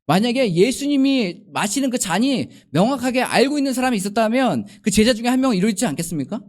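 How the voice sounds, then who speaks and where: A man's voice: extremely high pitch, expressive, fast talker. A male pastor preaching a Sunday sermon, asking the congregation many questions and acting out the disciples' and Jesus' words. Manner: acts out quoted speech of disciples and Jesus.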